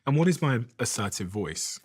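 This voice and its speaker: A man's voice: medium pitch, sing-song, moderate pace, slightly rough. A man hosting an interview, asking short, curious questions that move the conversation along. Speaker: interview host.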